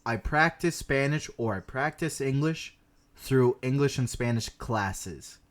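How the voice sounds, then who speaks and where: A man co-hosting a podcast in relaxed, casual chat, switching between English and Spanish mid-sentence and laughing often as he tells stories. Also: medium pitch, slow pace. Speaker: podcast co-host, language learner.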